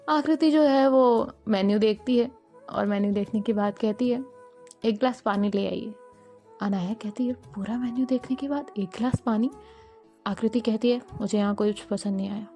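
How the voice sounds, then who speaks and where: A woman's voice: a little high, mellow. A woman narrating a romance story and reading both characters' dialogue herself in her own voice. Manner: reads every line with plain narration and quoted dialogue in the same voice.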